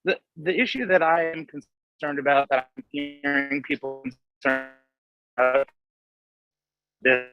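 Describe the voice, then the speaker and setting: A man's voice: a little high, unhurried, long pauses, faint music behind. A committee member speaking remotely, his call audio breaking up and cutting out as he makes an earnest point with hesitant restarts. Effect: choppy call audio, breaking up. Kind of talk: remote meeting comment. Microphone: remote call over Wi-Fi. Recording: dull dry lo-fi call audio.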